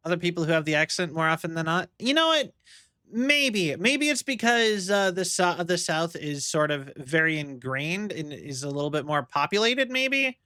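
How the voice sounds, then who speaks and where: A man's voice: a little high, sing-song, moderate pace, sharp tone, clean tone, no echo, studio quality. A young man livestreaming a game, musing aloud in a rambling, casual way. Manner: rambling, musing, many fillers. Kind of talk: casual chat while gaming. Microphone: streaming mic.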